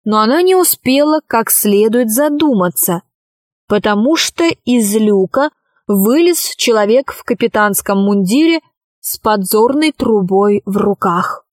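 Woman narrator for a kids' tale, slow deliberate reading, fairly high voice, dry close sound. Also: expressive, no echo. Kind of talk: children's story reading.

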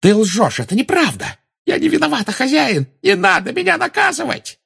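Shrill screeching witch voiced by a man, very high, frantic, audiobook. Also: sing-song, unhurried, a bit bright, slightly rough, heavily acted. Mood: shrieking. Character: shrieking frantic female witch, fanatical.

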